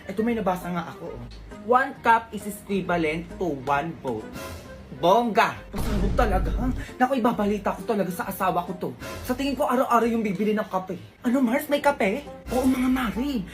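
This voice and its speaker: A woman's voice: medium pitch, animated, brisk, soft background music. A woman performing a comedy skit in a teasing, bantering way.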